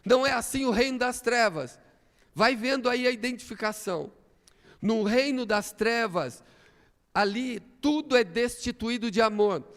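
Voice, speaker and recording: A male pastor preaching a sermon in a church, emphatic and building to shouts. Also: extremely high pitch, unhurried. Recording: echoey church hall.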